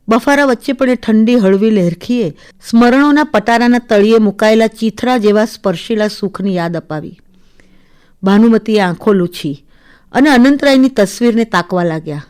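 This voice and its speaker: A woman narrating a literary short story for radio in a measured, expressive reading. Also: mid-range voice.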